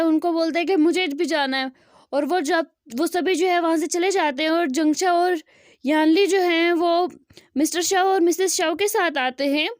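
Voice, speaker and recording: A woman's voice: extremely high pitch, no room sound, studio quality. A young woman narrating a fan-fiction story in a casual, chatty way, full of fillers.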